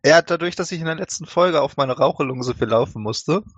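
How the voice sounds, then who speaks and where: A man's voice: a little high, a little fast, husky, highs cut off. A man playing in a tabletop game, joking around and sometimes hesitating over his words. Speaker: player. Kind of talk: casual chat at a tabletop game.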